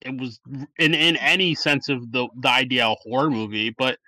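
Chatty man with a bright, dry voice. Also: medium pitch, brisk, no room sound, poor audio. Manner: rambling, many fillers and restarts. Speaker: podcast host. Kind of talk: casual movie review chat.

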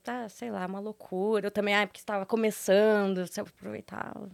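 A Brazilian woman, a guest in a casual interview, tells stories in an easy, chatty way. She uses a lot of fillers and laughs often. Her voice sits at an ordinary pitch, and the recording is dry and close. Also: flat delivery, fairly quick, creaky, dry recording. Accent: Brazilian Portuguese.

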